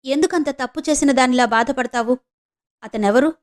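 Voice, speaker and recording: An unmarried elder sister and doctor, probing and quietly wounded, voiced by a woman reading an audio novel. Her voice sits fairly high. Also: moderate pace, close to an everyday voice. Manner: firm questioning, then soft and heavy.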